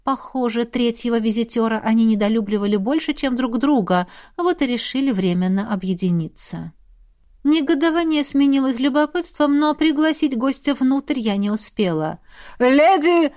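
A woman narrating a first-person fantasy audiobook in a wry, lively storytelling manner. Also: on the high side, normal speed.

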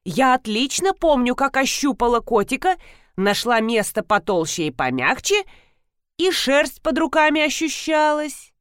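Woman voicing a fussy, excitable older mother-in-law. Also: a little slow, clean tone, no echo, clean studio sound. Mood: excited. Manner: bustling, excitable, rising to high squeals.

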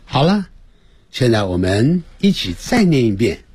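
This is a man with a slightly husky voice and a lively, swooping pitch, teaching English phrase by phrase on a radio lesson. He speaks unhurriedly and stretches example words out for pronunciation drills. The sound is close and dry, with no room around it. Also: unhurried, dry recording. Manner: switches between explanation and example phrases.

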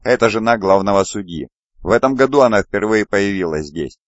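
A jovial lawyer makes chatty asides in a low voice, read by a male narrator. The recording is dry and a little muffled. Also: animated, fairly quick, no echo, close to an everyday voice.

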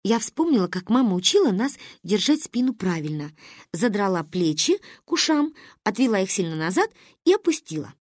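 Woman reading a funny story aloud, very expressive, pitch all over the place, dry close mic. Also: normal speed, no room sound. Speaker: audiobook narrator.

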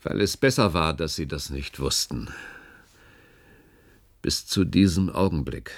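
In a German radio play, an actor voices a grave, calculating older department chief, using deliberate, persuasive rhetoric. His male voice is gravelly, husky and rumbling low, delivered as an animated, full character performance. The mood is solemn and urging.

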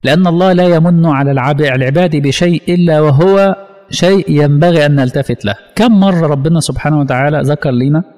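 A man's voice: a little high, fast, darkish tone. A man with an Egyptian accent giving a religious lesson, asking his audience rhetorical questions as he goes. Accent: Egyptian Arabic. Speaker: religious teacher. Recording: long hall reverb.

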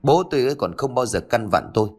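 A man playing a brash young thug who sneers and shouts at his elders. His voice sits low but leaps around wildly as he snaps back. He sounds defiant and scornful, told like a spoken ghost story. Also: lively intonation, fast, slightly rough, heavily acted.

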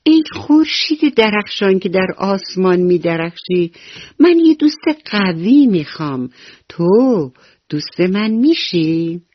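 A woman's voice: fairly low pitch, big pitch swings, husky, no echo, full character voice. Mushmushi, a woman doing an eager little boy mouse. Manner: eager, questioning, earnest. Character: curious little boy mouse seeking strong friend. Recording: slightly dull radio recording with soft music.

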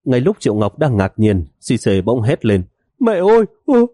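A man narrating a novel in an even, steady storytelling manner. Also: on the low side, normal speed, slightly rough, no echo, clean studio sound. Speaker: audiobook narrator.

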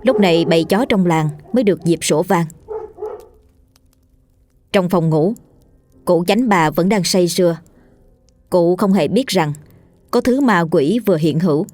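Low-voiced woman telling a ghost story. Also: a little slow, long pauses, dry recording. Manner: steady, dramatic storytelling. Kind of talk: scripted ghost story narration. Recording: dry studio voice with faint music.

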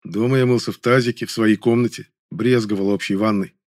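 A man's voice: on the low side, steady tone, brisk, dry recording, clean studio sound. Man narrating an audiobook.

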